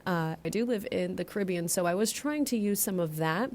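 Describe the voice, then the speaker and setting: An American woman talks in a slightly low-pitched voice that sounds blocked in the nose, as if getting over a chest cold. She runs a little short of breath. Her delivery is a chatty, rambling, informal commentary for a gaming video. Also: fairly quick, a little mellow. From United States. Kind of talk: casual scripted-loose voiceover commentary.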